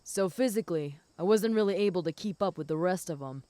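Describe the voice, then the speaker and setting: Flirty, smooth-voiced female werewolf, acted by a woman. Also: fairly low pitch, a little fast, no room sound, natural voice. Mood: relaxed, reflective. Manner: flirty, teasing, with soft chuckles. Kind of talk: intimate audio role-play to the listener.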